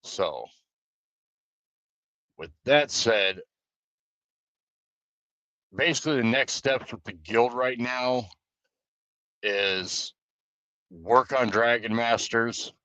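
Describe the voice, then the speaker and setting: A man's voice: mid-range voice, animated, extremely slow, pauses often, pushed and bright, dry recording, rough recording. A man chatting loosely on a live stream as guild leader, rambling with fillers and restarts. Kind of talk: casual live stream chat.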